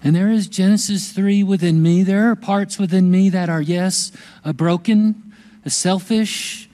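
Slow, softly spoken male pastor. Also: high-pitched, steady tone. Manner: slow, deliberate delivery, softening to a hushed whisper on key words. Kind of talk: sermon. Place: church sanctuary during a worship service.

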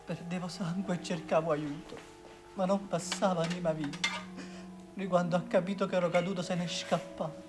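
A man's voice: sits high, fairly even intonation, a little fast, lightly acted. An actor playing a wounded man, crying out in pain and answering sarcastically in a 1960s televised stage comedy. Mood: bitter. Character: wounded Neapolitan man, sore and bitter. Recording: old TV stage recording with music.

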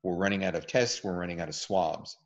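Speaking briskly in a low-pitched voice, a physician delivers an online talk and takes questions. His explanations are relaxed and easygoing but peppered with ums and uhs, and the video-call sound is dull and lo-fi.

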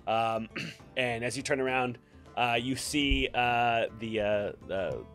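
A man improvising tabletop game narration as game master, setting the scene in a halting, low-key way. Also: fairly bright tone. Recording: music playing behind the voice.

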